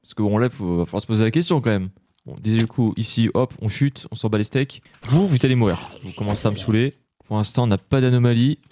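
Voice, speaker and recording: A man giving loud, jumpy commentary while playing a horror Minecraft mod, yelping when startled and swearing at the monsters. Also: fairly low pitch, quick pace, slight background noise. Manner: talks to the game monsters. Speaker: gaming YouTuber. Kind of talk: live Minecraft let's-play commentary.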